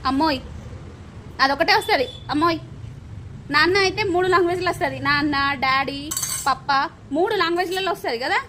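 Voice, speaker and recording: High-voiced mother coaxing her toddler. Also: fairly quick, long pauses, pushed and bright, slight background noise. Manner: coaxing and scolding a small child, repeating short commands. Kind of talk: casual home vlog. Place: family home.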